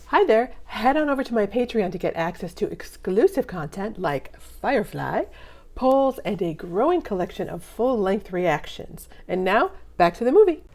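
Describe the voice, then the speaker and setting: A woman's voice: mid-range voice, sing-song, moderate pace, darkish tone. An older woman hosting a movie reaction video, chatting casually. She laughs often and repeats funny lines back.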